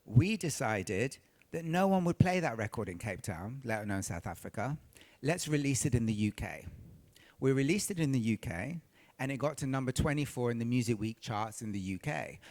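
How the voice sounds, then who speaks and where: A man from Tanzania, a recording artist on a panel, telling his story earnestly and repeating phrases for emphasis. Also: medium pitch. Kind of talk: panel discussion, personal storytelling.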